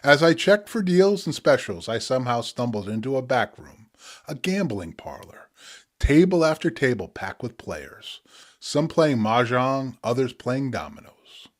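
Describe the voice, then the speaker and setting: A man in his sixties performs spoken word poetry. His delivery is measured and deliberate, with dramatic pauses between short phrases. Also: mid-range voice, big pitch swings. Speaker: poet presenting own work.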